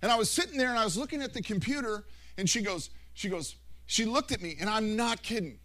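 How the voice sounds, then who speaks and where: A middle-aged man preaching a sermon through animated stories, with frequent restarts and self-corrections. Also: high voice, fast. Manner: rambling, animated storytelling with many restarts. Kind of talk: anecdotal sermon.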